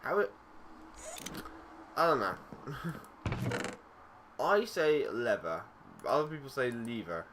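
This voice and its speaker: A man's voice: a little high, very animated, takes it slowly, long pauses. A young man casually narrating a game, rambling and easygoing with frequent fillers and self-corrections. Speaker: gaming YouTuber. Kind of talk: casual let's-play commentary. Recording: loud background noise with game clicks.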